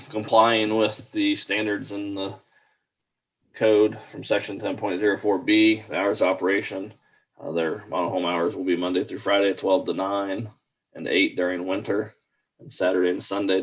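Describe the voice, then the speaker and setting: A man's voice: on the low side, level tone, unhurried, rough recording. A man reading out a formal staff report at a public meeting in a plain, procedural way.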